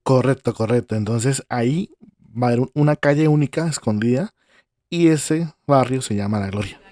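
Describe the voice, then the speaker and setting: A man's voice: medium pitch, normal speed, warm tone, no echo, studio quality. A man, hosting a podcast and asking questions in a jokey, casual way. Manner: jokey, gives playful directions. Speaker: podcast host. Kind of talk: casual interview chat.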